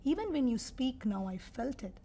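A woman hosting a podcast interview, asking questions in a soft-spoken way. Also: high voice, very animated, normal speed. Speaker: podcast host.

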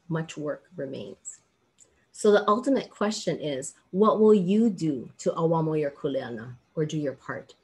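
A middle-aged woman from Hawaii, a law professor giving a formal commencement speech over a video call, earnest and measured with emphatic pauses. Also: low-pitched, a little mellow. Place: indoors, small room with plain backdrop.

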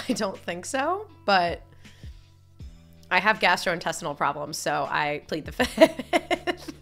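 Blunt young woman from upstate New York, casual streamer chat, bright voice, faint music behind. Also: lowish voice. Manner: blunt, candid, swears casually. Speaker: live streamer. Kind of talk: casual live-stream chat, reading viewer messages.

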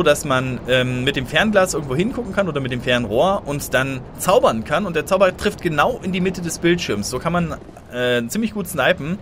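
A man commentating a blind let's play, excitable and easily startled, chatting to viewers and making little sound effects as he plays. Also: fairly high pitch, background noise.

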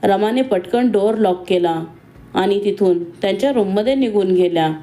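A woman reading a scripted romance story aloud in a steady, even way. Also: medium pitch, moderate pace.

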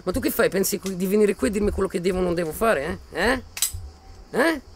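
An actor playing a volatile, menacing militiaman who taunts and mocks, then bursts into shouting. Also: sits high, lively intonation, a little fast, gravelly, a little hiss or hum. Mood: furious. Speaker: soldier threatening a journalist. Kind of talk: film acting.

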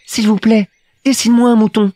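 A man voicing a small, earnest and curious boy prince in an audiobook, speaking high and insistently. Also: flat delivery, a little fast, dark tone, natural voice.

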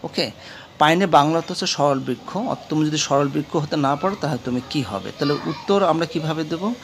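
A male teacher with a Bangladeshi accent explaining a textbook lesson, asking questions and answering them himself, repeating key words slowly. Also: fairly high pitch, expressive, a little hiss or hum. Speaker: English teacher.

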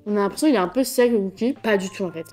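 A woman's voice: medium pitch, racing, darkish tone, soft background music. A woman vlogging casually to a phone camera, chatty and slangy, with a blocked nose and congested throat. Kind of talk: casual vlog chat.

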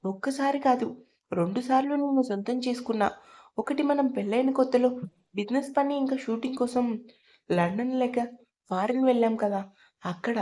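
A woman's voice: a little high, normal speed, pauses often, warm tone, lightly acted. A woman voicing a cocky, teasing young man in an audio story, speaking in a blunt and careless way.

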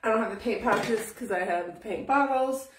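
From a small craft room at home, a middle-aged woman runs a relaxed live painting tutorial, rambling chattily, laughing readily and sniffling a bit. Her high-side voice moves at a normal speed but sits off-mic, far from the phone camera overhead that she often can't reach, in an echoey room with slight background noise.

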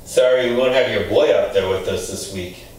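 A man's voice: on the low side, moderate pace, darkish tone, distant mic, slight background noise, natural voice. A man reading the part of a restrained, curt sports coach in an acted scene, terse, off-camera in an echoey room. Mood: measured.

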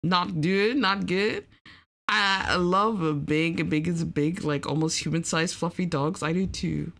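A woman's voice: on the low side, measured pace, vocal fry, a bit bright. A woman doing live reaction commentary as a cute anime-style streamer, gushing and exclamatory, often drawing out her words. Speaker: streamer reacting to pet videos. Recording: music behind the voice.

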